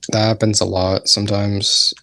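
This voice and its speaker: A man's voice: lowish voice, level tone, normal speed, vocal fry, pushed and bright. A young man bantering and teasing his friends on a podcast. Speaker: podcast guest. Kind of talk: casual banter.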